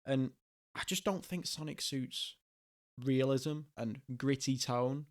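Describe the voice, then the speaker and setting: A man's voice: medium pitch, slow. A young man hosting a podcast, chatting casually, laughing often and rambling through asides. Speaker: podcast host.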